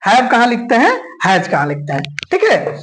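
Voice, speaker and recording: Woman, grammar teacher, animated sing-song delivery, somewhat high voice, repeats each point. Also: normal speed, echoey room, low-quality recording. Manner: repeats key points, checks in with listeners. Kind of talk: classroom grammar lesson.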